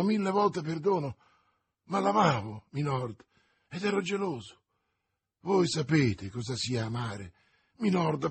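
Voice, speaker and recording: A man's voice: high-pitched, slightly rough, pitched above the performer's own voice, exaggerated voice. A man reading aloud, voicing a hot-headed young swordsman who speaks in an impassioned, pleading way.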